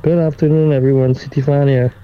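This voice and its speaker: A man calling in with a voice note that is played back over a speaker; he talks in a measured, hesitant way with many restarts. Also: medium pitch, level tone, clear, resonant tone. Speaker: caller sending a voice note. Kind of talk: voice message. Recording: dull lo-fi playback with faint noise.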